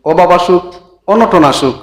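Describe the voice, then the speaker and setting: A man with a Sylheti accent preaching a sermon, telling a story with impassioned high calls and low chanted refrains. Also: measured pace, roomy sound.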